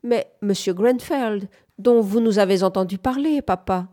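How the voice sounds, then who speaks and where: A woman voicing a sharp-tongued young farm woman who speaks coldly and shrilly, pitched above her own voice. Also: a little slow, natural voice. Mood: cool. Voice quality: cold, shrill.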